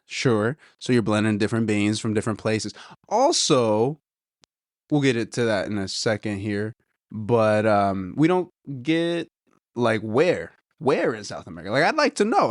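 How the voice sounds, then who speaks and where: Reviewing a coffee on his podcast, a man talks on his own in a loose, rambling way, leaning heavily on "dude" and "you know." His mid-range voice has a slight nasal edge, captured with clean, dry studio sound.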